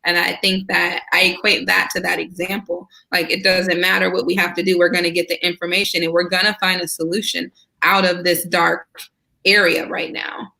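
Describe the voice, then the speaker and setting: A woman with a bright, clear-toned voice speaks as a guest in a casual interview. She talks eagerly and at length, and keeps tossing in "right?" to pull her listener along. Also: on the low side, flat delivery, normal speed. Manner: enthusiastic, talkative, asks rhetorical "right?". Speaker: guest, Senate candidate.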